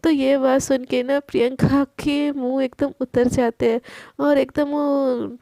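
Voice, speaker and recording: A woman's voice: sits high, level tone, measured pace, mellow, no echo. A woman narrating a story in a chatty, conversational storytelling manner. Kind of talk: casual spoken storytelling.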